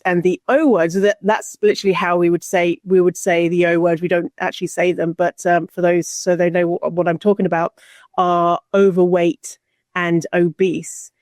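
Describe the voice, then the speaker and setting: A woman's voice: lowish voice, a little mellow, dry recording, studio quality. A woman speaking as a podcast guest in a casual discussion, blunt and emphatic, with a sarcastic edge.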